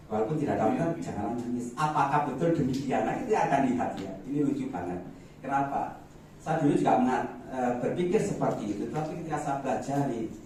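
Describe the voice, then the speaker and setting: A man from Malang, East Java, preaching as a guest. He jokes with the congregation and jumps in pitch to stress words. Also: a little hiss or hum. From Malang, East Java, Indonesia. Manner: lively, joking, shifts pitch for emphasis. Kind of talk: sermon. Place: church hall. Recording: echoey church hall, mic set at a distance.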